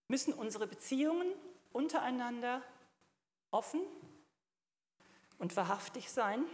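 A woman's voice: fairly high pitch, long reverb tail. A middle-aged woman preaching a sermon to a congregation, emphatic and at times rising to fervent exclamations. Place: church hall.

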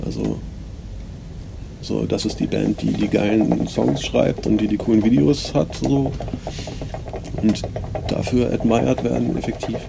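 A man hosting a podcast and musing casually, in a rambling, hesitant way with many fillers, heard on a low-quality recording. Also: steady tone, measured pace, gravelly, long pauses, background noise. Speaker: podcast host. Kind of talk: casual reflective monologue.

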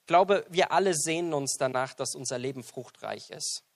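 Man, sermon, fairly high pitch, acts out conversations, big swings in volume. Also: moderate pace. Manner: animated storyteller, acts out dialogue. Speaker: preacher. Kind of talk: sermon with a personal story.

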